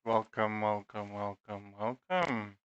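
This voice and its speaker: A Dutch-accented, middle-aged man from South Africa, the host and league admin of a live sim racing stream, talks slowly and loosely with self-deprecating humor and many fillers. He speaks through a gaming headset from a desk in a home room, with a lowish, fairly bright, clean-toned voice. There's no room sound, though the recording is muffled.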